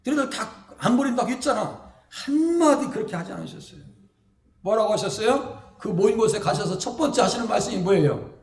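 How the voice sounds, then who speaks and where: A male pastor with a Chungcheong Korean accent, preaching a lively, conversational sermon that asks the congregation questions and acts out the voices of people in the story. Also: high-pitched, fairly quick, roomy sound.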